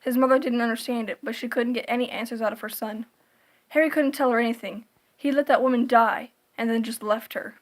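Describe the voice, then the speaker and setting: A female narrator with a somewhat high-pitched voice reads a scripted horror tale. Her delivery is deliberate and dramatic, in the manner of creepypasta storytelling. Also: fairly even intonation.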